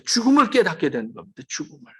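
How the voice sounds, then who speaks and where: A man's voice: high voice, wildly swooping pitch, quick pace, husky. A man preaching a sermon as pastor, dramatic, acting out the quoted words of the dying. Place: church sanctuary.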